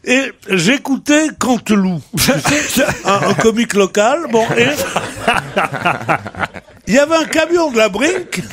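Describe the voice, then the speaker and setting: An older man, a regular panelist on a radio talk show, tells an animated, colorful anecdote and acts out the lines of the people in it. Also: very high-pitched, unhurried, long pauses, breathy edge. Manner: colorful, boastful storytelling, acting out the others' lines. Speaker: regular panelist telling a story.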